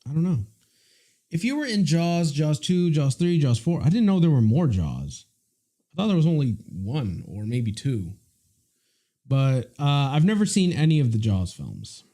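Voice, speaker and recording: A man's voice: on the high side, sing-song, unhurried, mellow. A man from the United States, chatting casually on a live stream and answering viewer messages.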